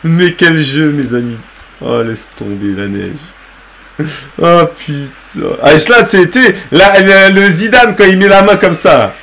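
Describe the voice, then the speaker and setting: A man's voice: a little high, expressive, slow pace, vocal fry, pushed and bright. A young French man streaming live gameplay, groaning, swearing and bantering with chat as he plays. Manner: exasperated, swearing, groaning at the game. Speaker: gaming streamer.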